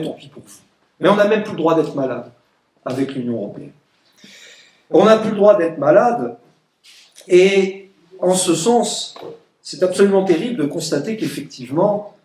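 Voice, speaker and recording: A high, slightly mellow male voice belongs to an Egyptian political speaker addressing a public meeting. He taunts his opponents, quoting them in exaggerated mock voices with emphatic sarcasm, while the room around him produces a clear echo.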